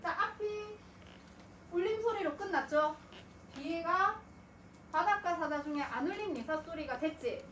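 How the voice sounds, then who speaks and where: A woman's voice: extremely high pitch, a little slow, pauses often, a bit bright, a little hiss or hum. A woman teaching a grammar lesson, asking questions and answering them herself, sometimes putting on a student's voice. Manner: asks and answers her own questions, voicing students. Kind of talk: lecture. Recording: echoey room, mic at a distance.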